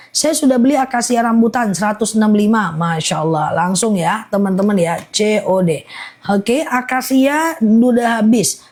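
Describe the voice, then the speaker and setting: Woman, live-stream seller, fairly high voice, quick chatty listing. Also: a little mellow. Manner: rattles off long lists, chatty, reads out buyers' comments. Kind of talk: live-stream sales pitch.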